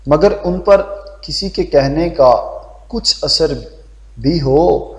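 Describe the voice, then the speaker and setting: A man's voice: fairly high pitch, natural voice. A male teacher voicing an insistent, chattering middle-aged wife as he reads a play aloud. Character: fussy middle-aged wife of a sick man. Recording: roomy dull lo-fi classroom recording.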